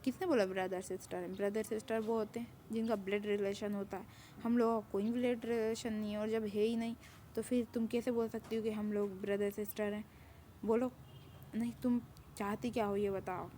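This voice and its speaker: A possessive young man from a mafia family, as a woman narrator puts him on. He speaks in a low-key, even voice with a soft, dark tone, like a story told aloud at home. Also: a little fast, a little hiss or hum, close to an everyday voice. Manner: possessive, domineering. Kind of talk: storytelling with acted dialogue.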